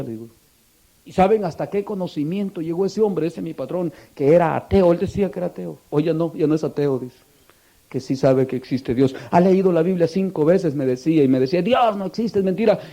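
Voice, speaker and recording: A man's voice: fairly high pitch, mellow. A man preaching a sermon, asking the congregation rhetorical questions and telling a story with passion.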